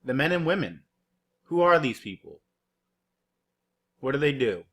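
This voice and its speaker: A man's voice: medium pitch, very animated, moderate pace, a bit bright, husky. A man doing a mocking, rambling reaction commentary over news clips, cursing and heavy on fillers. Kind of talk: profane sarcastic reaction commentary.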